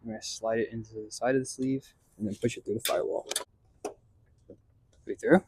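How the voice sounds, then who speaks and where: Speaking fairly quickly in a steady, darkish, medium-pitched voice, a man narrates his own car install for a vlog, with slight background noise. His talk is easygoing and slangy, like thinking aloud, as he works in and around a pickup truck.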